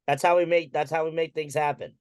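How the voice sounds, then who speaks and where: A man's voice: on the high side, flat delivery, fast, smooth. A man co-hosting a podcast in casual chat, easygoing and agreeable. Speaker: podcast co-host.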